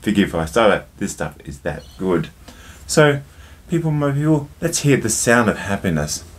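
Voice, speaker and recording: A man's voice: lowish voice, sing-song, normal speed, slight background noise. A man hosting a casual drinks review vlog, chatty and jokey, talking straight to his viewers and telling a joke along the way.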